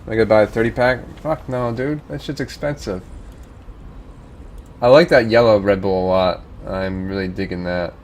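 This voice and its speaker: Brief: laid-back male streamer from Virginia, rambling profane chat, lower voice, faint hiss behind. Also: steady tone, normal speed. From Northern Virginia, US.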